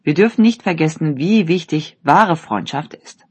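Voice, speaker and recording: A presenter reading a fairy tale aloud with lively, expressive intonation. The voice is husky and of middling pitch. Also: moderate pace.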